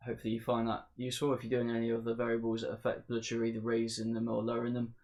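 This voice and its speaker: A man, host of his own channel, calmly explaining to camera in a plain, matter-of-fact way. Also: mid-range voice, very fast.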